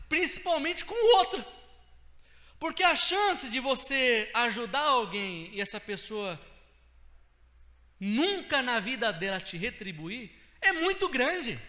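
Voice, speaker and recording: Brazilian male preacher, high lively voice, emphatic swells, long church reverb. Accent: Brazilian Portuguese. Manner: animated, rising to emphatic outbursts. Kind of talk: sermon.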